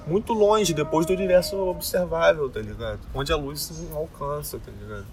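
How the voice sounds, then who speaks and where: A man's voice: a little high, brisk. A young man, musing and rambling in casual street slang.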